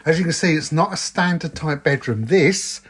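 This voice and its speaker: A man's voice: a little high, normal speed, husky. A middle-aged man chatting casually while reviewing a product, hesitant with many ums, in a tiny caravan bedroom. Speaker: vlogger.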